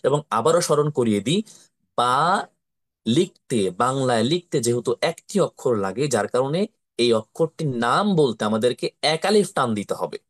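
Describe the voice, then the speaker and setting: A man's voice: medium pitch, lively intonation. Patient male teacher drilling syllables. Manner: patient, repeats syllables slowly and asks pupils to repeat. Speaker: Quran reading teacher. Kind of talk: slow drilling lesson with repetition.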